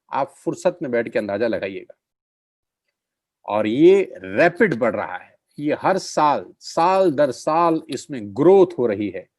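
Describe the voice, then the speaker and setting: Persuasive man giving a sales pitch. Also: a little mellow, dry recording, studio quality. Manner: persuasive, repeats phrases for emphasis; addresses listeners as friends. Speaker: network marketing presenter. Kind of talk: business opportunity presentation.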